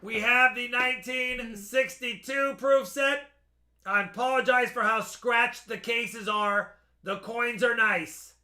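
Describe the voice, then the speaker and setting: A man hosting a casual live-stream auction, pitching items to buyers and repeating the details as he goes. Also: steady tone, slow, sharp tone. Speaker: host selling coins by live auction.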